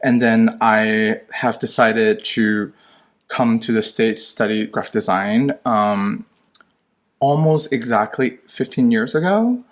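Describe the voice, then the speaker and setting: A man's voice: lowish voice, slow. A man in his thirties from China, a designer guest chatting in a sassy, flamboyant way in his living room. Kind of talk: casual interview chat. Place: colorful living room at home.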